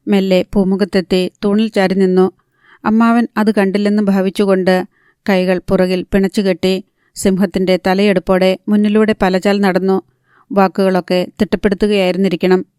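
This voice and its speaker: Female audiobook narrator, scripted novel reading, smooth clear tone, flat even delivery, dry close mic. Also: mid-range voice, no echo.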